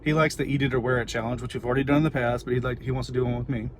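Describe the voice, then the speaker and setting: A man's voice: medium pitch, fairly even intonation, very fast. A middle-aged man with a Texan accent, chatting casually and informally in a rambling livestream to viewers from inside a car. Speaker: vlogger and parent. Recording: noisy car with ambient background noise.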